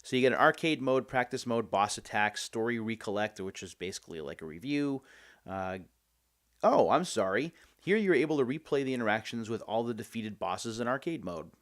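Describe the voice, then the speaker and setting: A man's voice: medium pitch, expressive, a little fast, a bit bright. A man hosting a video, giving casual, chatty unboxing commentary and thinking aloud as he goes. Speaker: host of a game unboxing video series.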